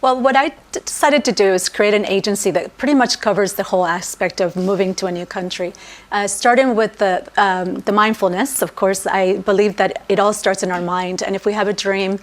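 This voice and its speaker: Upbeat young woman guest from Mexico, mid pitch, eager talker. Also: fairly quick. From Mexico, raised in the US. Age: young adult. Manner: upbeat, eager, laughs often. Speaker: guest, relocation agency owner and life coach. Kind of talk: talk show interview answers.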